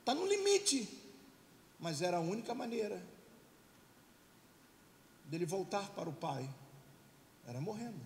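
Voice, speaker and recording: A man's voice: high voice, a little mellow. A middle-aged man preaching an emphatic sermon in church and leading the congregation to repeat after him. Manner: emphatic, leads call-and-response. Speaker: pastor. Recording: reverberant church hall, faint hiss.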